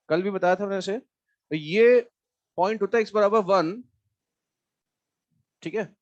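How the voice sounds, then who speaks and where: A man's voice: high-pitched, highs cut off. A man teaching math in a live class, chatting with students and then working through a problem. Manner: mixes Hindi with English math terms, asks students questions.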